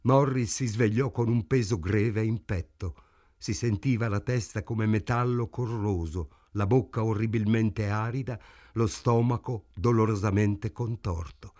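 A man reading a novel aloud in a measured, even way. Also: lowish voice. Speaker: narrator. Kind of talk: audiobook narration.

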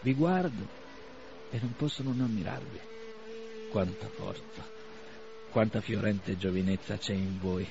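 A man reading the part of a kindly, fussy old country doctor who talks slowly and admiringly, on a slightly dull radio recording. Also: medium pitch, lively intonation, background noise, natural voice. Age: older.

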